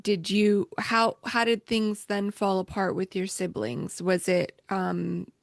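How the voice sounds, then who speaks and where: A woman hosting a podcast interview, asking gentle questions and murmuring quiet assent. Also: medium pitch, steady tone, takes it slowly, vocal fry, dry recording, studio quality. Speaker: podcast host.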